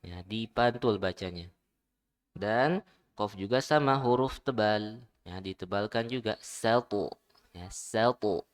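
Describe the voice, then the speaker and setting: A man teaching Quran recitation, modeling each syllable and patiently correcting pronunciation. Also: lowish voice. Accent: Indonesian. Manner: repeats syllables slowly and corrects gently.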